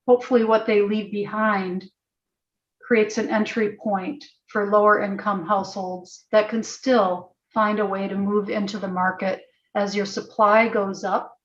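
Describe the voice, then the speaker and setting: A woman who is a housing consultant, explaining earnestly at a public meeting, voice going a little hoarse. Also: medium pitch, highs cut off. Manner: earnest, emphatic, restarts phrases while reasoning aloud. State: losing her voice. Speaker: housing consultant presenting to a planning commission.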